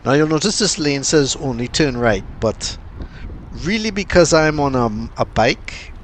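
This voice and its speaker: A man from Trinidad, giving casual, unhurried vlog commentary with plenty of fillers and pauses. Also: a little high, animated, slight background noise. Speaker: cycling vlogger.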